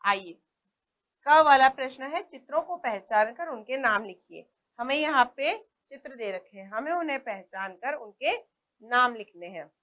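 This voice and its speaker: A woman's voice: sits high, expressive, fairly bright tone. A woman teaching a primary school lesson, patient, asking questions and pointing out examples. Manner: patient, explains slowly and asks questions; points at the book as she talks.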